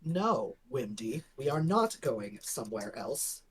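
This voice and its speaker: A woman's voice: a bass voice, very animated, takes it slowly. A sweary woman chatting casually as a player in a tabletop role-playing game. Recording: clear background noise.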